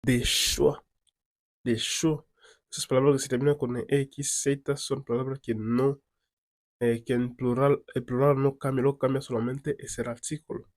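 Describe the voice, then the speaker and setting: Man, French teacher, unhurried, mid-pitched voice, dry close sound. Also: level tone, no room sound. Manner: repeats each French word slowly and clearly. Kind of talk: slow beginner quiz lesson.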